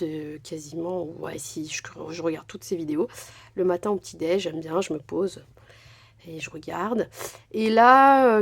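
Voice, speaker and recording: A woman chatting casually as she unboxes craft supplies, gushing over each item and filling pauses often. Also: lowish voice. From France. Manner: chatty, gushing, many fillers. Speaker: crafting vlogger.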